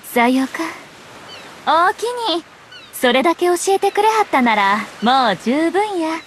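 In Japanese anime game voice acting, an actress plays a self-possessed, teasing young woman journalist with a nonchalant Kyoto-style Kansai accent and a breezy mood. Her high-pitched voice has lively intonation and a slightly slow pace, with slight background noise.

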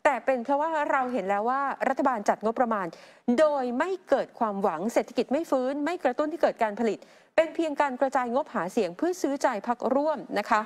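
A woman co-anchoring a news show, reading political reports in a brisk, conversational way. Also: high voice, lively intonation.

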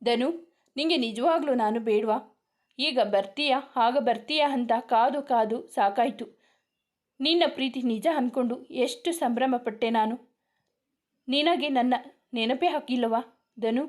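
A woman's voice: sits high, measured pace, pauses often, darkish tone. A woman voicing a heartbroken young wife who pleads and longs for her husband in an audio story. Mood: pleading.

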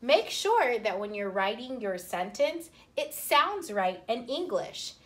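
A woman teaching kindergartners, speaking slowly and sounding out words for young children. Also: a little high, very animated. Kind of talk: slow, clear classroom instruction.

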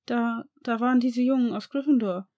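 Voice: mid-range voice, little pitch movement, normal speed, darkish tone, no room sound, studio quality, voice pushed up, natural voice. A reader doing a stammering frightened boy. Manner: stammering, trembling. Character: frightened young boy wizard, shaken. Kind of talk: audiobook fan reading.

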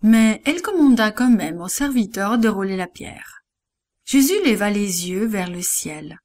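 A woman narrating a Bible story for children, unhurried and addressed straight to the young listeners. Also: medium pitch, expressive, a little mellow.

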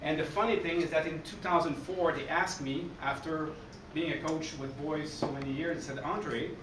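Speaking to coaches at a conference, a Québécois man in his forties from Quebec City, Canada, is energetic and talkative and keeps checking in with "okay?". His voice runs a little high at a normal pace. He stands before a screen in a dark hall, recorded by a distant camera, and the sound is echoey, remote and noisy.

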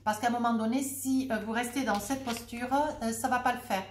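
A woman's voice: on the high side, steady tone, brisk, reverberant, a little hiss or hum. A woman with a head cold giving a casual, jovial tarot reading to her viewers, chatty and full of little filler tags. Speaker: tarot reader.

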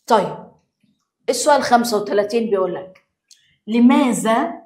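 A woman with an Egyptian accent, a biology teacher giving an exam review lesson, explaining in a lively way and firing rhetorical questions at her students. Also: medium pitch, reverberant.

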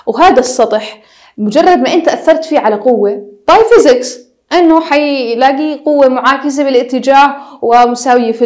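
Fast-talking woman giving a casual lecture. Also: high-pitched, darkish tone. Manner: casual lecturing, mixing English technical terms, many hesitation sounds. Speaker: university lecturer. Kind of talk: recorded lecture.

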